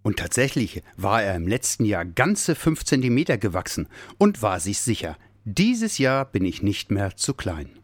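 A man reading a children's Christmas story aloud, expressive and lively. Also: lowish voice, no echo. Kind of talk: scripted narration of a children's story.

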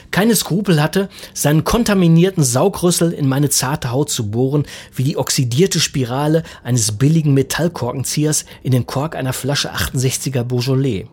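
Husky, deadpan male storyteller. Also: on the high side. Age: 40s. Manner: wordy, self-mocking, deadpan. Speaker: narrator. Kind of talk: humorous first-person story reading.

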